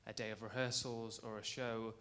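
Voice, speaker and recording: A man's voice: lowish voice, flat delivery, normal speed, a bit bright. A male ballet dancer answering a question in an earnest, explanatory way in a rehearsal studio. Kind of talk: conversational Q&A answer.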